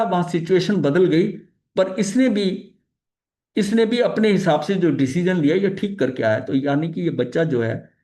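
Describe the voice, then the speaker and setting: A man's voice: sits high, warm tone. A man leading a religious study session, explaining ideas in a conversational teaching manner with frequent filler phrases, restarts, and English terms mixed in. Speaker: spiritual study leader.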